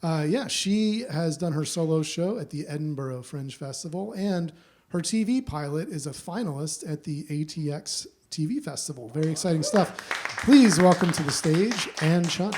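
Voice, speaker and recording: Background noise is audible as a man with a fairly high pitch and lively intonation speaks at normal speed. He's the host and storyteller of a live show recorded onstage in a small theater, rambling casually with many fillers.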